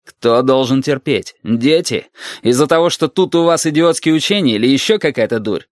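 A man's voice: mid-range voice, animated, normal speed, no room sound, studio quality, voice pushed up, close to an everyday voice. A man doing an indignant, combative civilian. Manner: indignant, barely restrained. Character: irritable sharp-tongued civilian man, combative.

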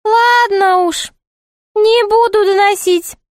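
A woman's voice: extremely high pitch, fairly even intonation, slow, no echo, clean studio sound, voice pushed up. A woman voicing a sly, greedy male court jester with a sweet, wheedling manner.

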